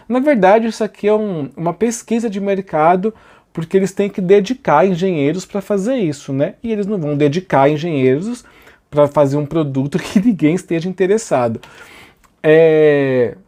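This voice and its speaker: A man in his forties with a Brazilian Portuguese accent hosts a design tutorial channel, talking casually to the camera in a chatty, informal way and often tacking on tag questions. His voice sits a little high, and he's recording in a small, dark room.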